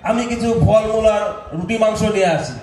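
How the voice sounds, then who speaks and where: Man acting a very high-pitched, self-assured traveller. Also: a little fast, darkish tone, slight background noise, lightly acted. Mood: amazed. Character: self-assured, food-tempted male train traveller. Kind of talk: stage drama acting. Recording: very echoey stage hall, faint music behind.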